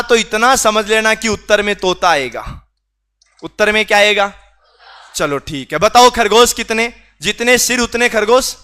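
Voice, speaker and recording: A man teaches a reasoning class in a classroom. His voice sits high and bright, and he teases the students and pushes them to answer out loud. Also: clean tone. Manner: teasing, scolds students for not answering. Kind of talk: classroom lecture.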